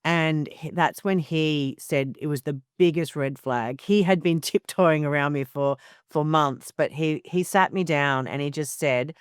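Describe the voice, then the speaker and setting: A woman in her forties, a journalist guest on a podcast, telling stories frankly and with lively energy. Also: low voice, a little slow, clean tone, no echo, clean studio sound. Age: 40s. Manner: animated storyteller, frank and swearing. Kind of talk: candid casual interview.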